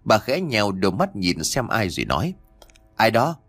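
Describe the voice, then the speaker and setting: A man narrating a ghost story, reading with lively expression and voicing the characters' lines himself. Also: on the low side, brisk, breathy edge, dry recording.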